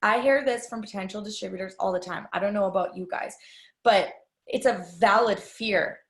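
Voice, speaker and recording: A woman's voice: medium pitch, normal speed. A woman giving a live training talk to an audience, chatty and confiding, addressing the listeners directly and telling personal stories. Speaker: business trainer. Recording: echoey room.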